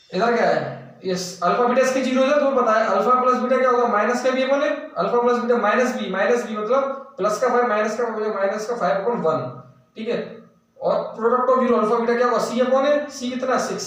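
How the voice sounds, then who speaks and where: A man explains maths problems step by step, repeating each term and asking if it is clear. His voice sits high and sounds echoey, picked up from a distance in the room. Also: moderate pace, fairly bright tone. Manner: repetitive, drills questions with "clear?" checks. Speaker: maths teacher. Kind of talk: classroom lesson explanation.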